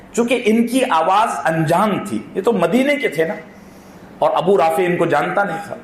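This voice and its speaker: A man delivers a sermon as a vivid story, acting out each scene and turning to his listeners as he goes. His voice sits high, and it rings around a closed hall. A faint room hum runs underneath. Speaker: Islamic preacher. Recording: echoey hall with faint ambience.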